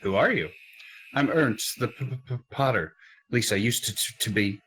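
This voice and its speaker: A man's voice: mid-range voice, normal speed, a bit bright, breathy edge, low-quality recording. A man voicing a frightened village potter with a heavy, nervous stutter in a fantasy game. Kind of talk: fantasy game role-play.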